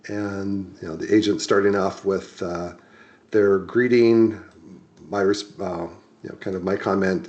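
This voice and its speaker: A low-voiced man leads a screen-share coding walkthrough. He explains at an easygoing pace, stopping for ums and restarting his sentences as he goes. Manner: relaxed, many ums and restarts while explaining. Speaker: software tutorial instructor.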